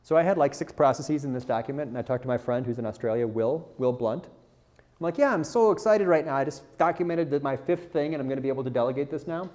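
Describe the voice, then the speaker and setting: At a quick clip, a content marketer speaks to a conference crowd in a mid-range, somewhat mellow voice. He keeps things casual and candid, teases himself, and poses questions to listeners.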